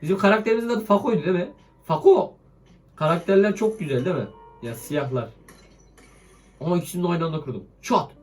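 Sick young man excitedly playing a game. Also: sits high, fast talker, long pauses, faint music behind. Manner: excitable, swears playfully at the game. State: sick, voice strained. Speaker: mobile game YouTuber. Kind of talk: casual gameplay commentary.

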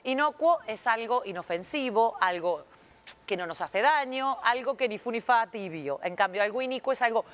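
Mujer explicando palabras con paciencia. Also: female voice, fairly high pitch, expressive, moderate pace, fairly bright tone. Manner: didactic, explains with examples. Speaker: guest language expert. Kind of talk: explaining word meanings on a TV talk show.

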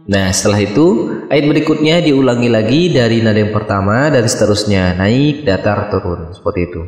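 A man hosting a recitation channel, calmly explaining a chanting lesson. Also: lowish voice, brisk, soft background music. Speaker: channel host and recitation teacher. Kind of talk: spoken instruction. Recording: echoey room with long reverb.

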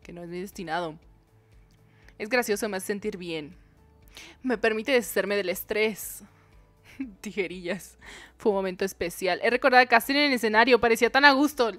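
A woman's voice: medium pitch, moderate pace, pauses often, fairly bright tone, no echo, faint music behind. A young woman, streaming a dating game, reading its dialogue aloud and joking with her chat. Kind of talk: live game commentary.

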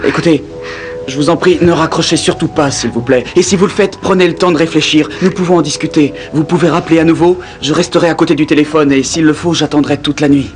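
A man's voice: fairly high pitch, fairly even intonation, quick pace, soft background music, natural voice. An actor in his thirties playing an earnest, reassuring young priest who speaks insistently in a dubbed TV crime drama. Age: 30s. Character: earnest young priest, urgent, soothing and protective.

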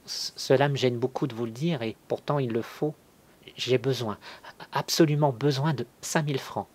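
A man's voice: medium pitch, moderate pace, darkish tone, voice pushed up, natural voice. A man voicing a distraught young woman under hypnosis, stammering as she pleads. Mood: flustered.

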